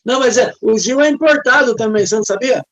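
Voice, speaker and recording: A man's voice: very high voice, fast, a bit bright. A man with a Brazilian Portuguese accent hosting a casual online chat, hesitant and encouraging, full of filler words. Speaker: host. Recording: muffled lo-fi audio.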